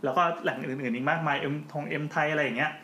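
A man's voice: on the high side, rapid-fire, pushed and bright. A man hosting a podcast in casual chat, joking as he explains at length. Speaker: podcast host. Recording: roomy with faint background noise.

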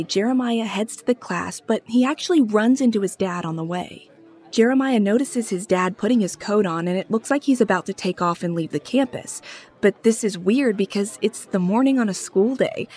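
A woman podcast host giving scripted true-crime narration in a measured storytelling manner. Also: medium pitch, a little mellow, husky.

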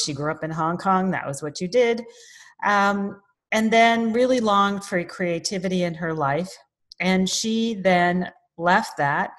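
A woman hosting a podcast interview, introducing her guest in an upbeat, effusive way. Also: fairly low pitch. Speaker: podcast host.

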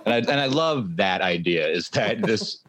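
A man with a low-pitched voice talks casually as a podcast co-host. He tells movie scenes in an animated way and laughs often. His voice sounds dry and close to the mic. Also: moderate pace, no room sound. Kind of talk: casual chat.

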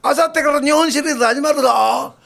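A man voicing a gruff, army-like middle-aged male TV producer who barks orders in a Kansai accent, gravelly and husky. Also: very high-pitched, very animated, fast talker, voice pushed up, full character voice. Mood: barking orders. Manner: shouting and bossing.

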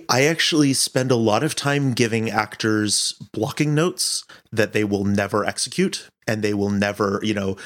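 In a mid-range voice, a man who directs audio fiction gives a relaxed interview. His speech is reflective and halting as he searches for what to say.

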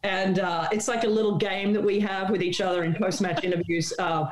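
Woman telling an animated story, echoey. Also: mid-range voice, a little fast, a crowd in the background. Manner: animated, laughing, acts out quotes. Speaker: former pro and TV tennis analyst, guest. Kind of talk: casual storytelling anecdote. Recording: roomy echo.

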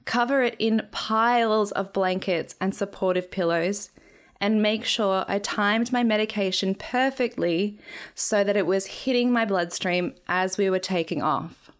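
Young woman, memoir narration, unhurried delivery, dry wry humor. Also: mid-range voice. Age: young adult. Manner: slow, dry, wry storytelling. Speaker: author reading her memoir.

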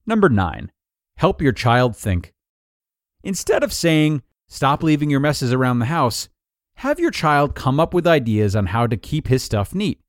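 A man reads a written piece aloud as scripted narration, moving through numbered tips in a clear, even delivery. His pitch rises and falls in a lively way. The sound is close and dry, with no room echo. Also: measured pace. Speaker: narrator reading an article aloud.

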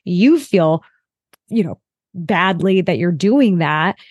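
A woman's voice: on the low side, animated, takes it slowly, a little mellow, no room sound, muffled recording. A woman in her late thirties, a podcast guest chatting over a video call and acting out her own thoughts in quotes. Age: late 30s. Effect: heard over a video call. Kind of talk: casual interview chat.

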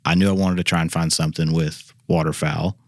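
A man's voice: very deep voice, flat delivery, fairly quick, dry recording. A man talks as an expert guest. He explains things informally, in everyday conversational words, in a dry interview recording. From Arkansas, United States. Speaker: guest expert, university biologist and teacher. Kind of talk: casual interview talk.

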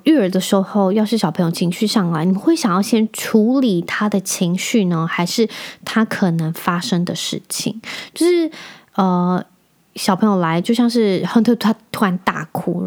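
A woman's voice: medium pitch, a little mellow. A woman in her thirties with a Taiwanese Mandarin accent, hosting a podcast in a chatty, indignant way and tossing in English words. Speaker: podcast host. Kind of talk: casual chat.

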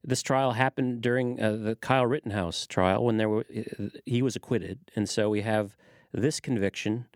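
A man's voice: fairly low pitch, fairly even intonation, moderate pace, no room sound, clean studio sound. A man hosting a news podcast, asking conversational questions and reading the closing credits. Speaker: podcast host. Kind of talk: podcast interview and outro.

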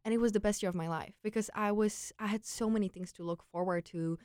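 A woman's voice: medium pitch, steady tone, fast, darkish tone, dry recording, studio quality. A young woman from the Czech Republic with a Czech accent, telling personal stories casually and informally as an interview guest. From Czech Republic, grew up in Prague. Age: young adult. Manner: informal, peppered with "like" and quoted thoughts. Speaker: interview guest, former exchange student.

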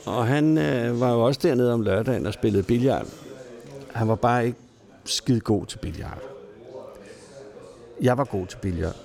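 A mid-range, gravelly, darkish voice belongs to a Danish man telling old pub stories in a neighbourhood pub. He pauses often, chuckles now and then, and keeps his language casual and salty.

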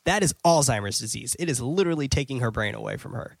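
A man's voice: mid-range voice, animated, quick pace, vocal fry, dry recording. A man hosting a casual movie-review podcast, recapping a plot in a loose, filler-heavy way and swearing now and then. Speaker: podcast host.

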